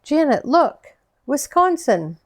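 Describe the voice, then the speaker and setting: A woman's voice: a little high, moderate pace, voice pushed up. A woman doing an eager little boy. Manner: excited, eager.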